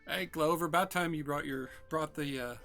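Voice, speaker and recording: A blustery older man at an inn barks in a raised, high voice, put on by a man. His tone is bright and forceful, and faint music plays behind him. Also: moderate pace, creaky. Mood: chiding.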